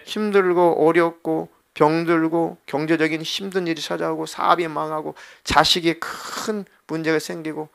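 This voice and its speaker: Korean pastor preaching, higher man's voice. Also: fairly bright tone. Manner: preaching in plain spoken style, acting out short dialogues. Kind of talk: Wednesday evening sermon.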